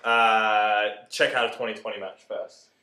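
A man's voice: on the low side, steady tone, measured pace, bright, forceful tone, slight background noise. Joking man in an echoey room. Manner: banter, jokey and blunt. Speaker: co-host. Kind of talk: casual chat.

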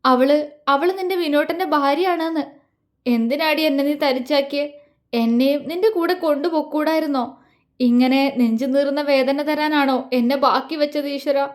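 A woman's voice: high voice, moderate pace, lightly acted. A woman voicing a grieving young man torn between two loves, pleading and anguished in an audio story. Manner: anguished, pleading inner monologue.

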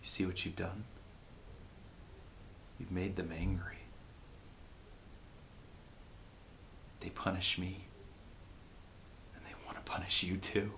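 A young man in his twenties acting a dramatic monologue as a tormented man possessed by demons, anguished and swinging between hushed menace and desperation. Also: a little slow, long pauses. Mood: ominous, hushed. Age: 20s. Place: small plain indoor room. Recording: noisy room recording with low rumble.

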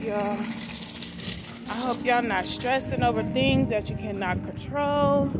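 A woman in her forties vlogging from her phone while she walks through a mall and then a parking lot, chatty and slangy. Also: high-pitched. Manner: slow, chatty, slangy, talks straight to the phone while walking. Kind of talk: casual walking vlog chat. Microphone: phone held at arm's length. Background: background music, traffic and wind.

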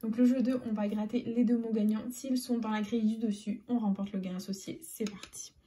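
A woman narrating her scratch-card session in a chatty vlog style, spelling out letters and sometimes dropping into soft half-whispers. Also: fairly high pitch, fairly even intonation, a little fast, a little hiss or hum. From France. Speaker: YouTuber scratching lottery tickets.

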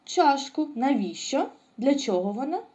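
A woman's voice: sits high, sing-song, unhurried, mellow. A woman teaching a lesson to young children, asking questions and answering them herself with praise. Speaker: preschool teacher.

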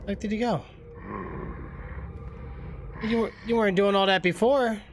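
A man's voice: high-pitched, fairly even intonation, a little slow. A man doing casual live game commentary into a headset, exasperated and pleading with the game. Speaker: game streamer and dad. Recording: game ambience and noise behind.

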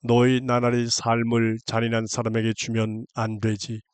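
A man calmly reading scripture aloud in an even, unhurried way, in a plain everyday speech register. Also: medium pitch, clear, resonant tone, dry recording. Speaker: Bible reader.

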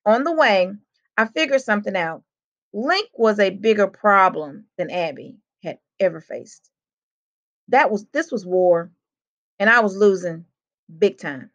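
A woman's voice: mid-range voice, expressive, a little slow. A woman reading a children's chapter book aloud, telling the first-person story expressively. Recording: dull lo-fi recording.

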